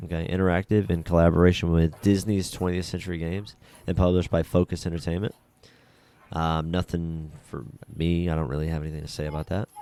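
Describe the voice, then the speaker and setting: A man's voice: deep voice, little pitch movement, brisk, warm tone. A man co-hosting a casual podcast chat, reading out game blurbs in a dry, dismissive way. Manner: dry and dismissive, skims text aloud. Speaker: podcast co-host.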